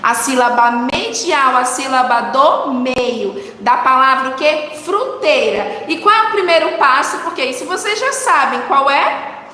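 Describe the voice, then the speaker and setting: A woman's voice: high voice, expressive, unhurried, sharp tone. A woman with a Brazilian Portuguese accent teaching a recorded lesson for children, coaxing them along by asking questions and answering them herself. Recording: echoey room with long reverb, faint noise.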